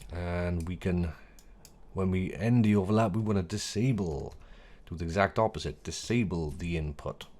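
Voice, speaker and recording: A man, the host, talking casually through a screen-recorded software tutorial, correcting himself and making small jokes, his voice a little hoarse. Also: low-pitched. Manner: chatty, self-correcting, jokey asides. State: voice going a bit hoarse.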